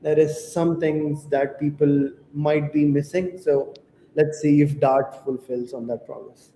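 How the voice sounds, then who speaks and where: A man with a mellow, fairly high voice explains things steadily as co-host. The room is echoey, with a faint hiss underneath. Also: flat delivery. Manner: measured, explanatory, frequent "to be honest". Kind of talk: casual crypto show chat.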